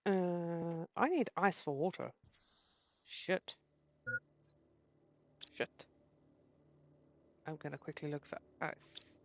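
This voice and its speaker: Slow-talking woman narrating her gameplay. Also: on the low side. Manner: chatty, thinks aloud to herself, excitable with mild swearing. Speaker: gaming channel host. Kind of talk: casual gameplay commentary.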